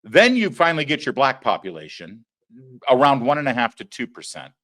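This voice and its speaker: A man's voice: mid-range voice, very animated, a little fast, a bit bright. A man hosting a political talk show, sarcastic and mocking, laughing at his own jokes. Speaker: show host. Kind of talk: opinionated political commentary.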